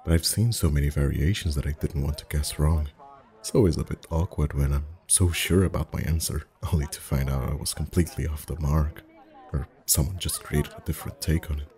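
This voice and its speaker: Warm and attentive, the face-painter character chats with a bit of flirtation, his deep, mellow voice kept soft and gentle. This time his intonation is fairly even and he talks a little fast.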